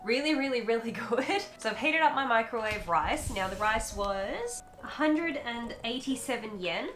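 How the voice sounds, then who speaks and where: Lively young woman food vlogger. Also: fairly high pitch, moderate pace, reverberant, soft background music. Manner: chatty and animated, tasting and commenting on food. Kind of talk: casual food vlog. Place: hotel room.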